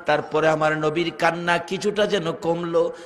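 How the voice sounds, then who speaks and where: A man from Bangladesh, preaching a waz sermon in an emotional, sing-song chant that swells into loud cries. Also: a little high, steady tone, moderate pace. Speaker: Islamic preacher. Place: religious gathering.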